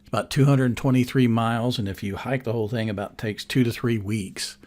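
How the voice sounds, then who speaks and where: A man's voice: medium pitch, fairly even intonation, fairly quick, a little mellow, no echo. A man narrating a hiking vlog in an easygoing, rambling way, slightly congested and out of breath, recorded outdoors on an action camera. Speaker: vlogger. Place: outdoors on a mountain trail.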